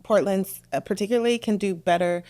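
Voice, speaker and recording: A woman guest on a housing podcast, chatting casually, laughing often and agreeing quickly with the hosts. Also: mid-range voice, darkish tone. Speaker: guest, housing nonprofit director.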